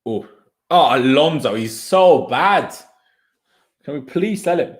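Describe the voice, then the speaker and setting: With a fairly high pitch, lively intonation and a slow pace, a young native-German-speaking Austrian comments casually on a football match during his watchalong stream. He's talkative and opinionated, reading viewer comments aloud as he goes.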